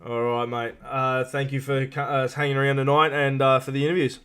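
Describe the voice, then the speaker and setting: A man's voice: mid-range voice, flat delivery, a little fast, a bit bright, clean tone. A man hosting a casual live interview show, matey and informal, feeling his way through questions.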